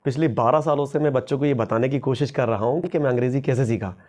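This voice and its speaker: A man's voice: mid-range voice, fast talker, darkish tone. A man teaching English at a local institute, answering interview questions in a casual, humble way, often repeating his phrases.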